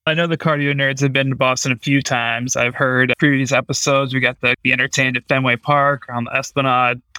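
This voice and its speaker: A man, a cardiology fellow, presenting a medical case on a podcast in a measured, steady way. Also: mid-range voice, clear, resonant tone, no echo. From United States.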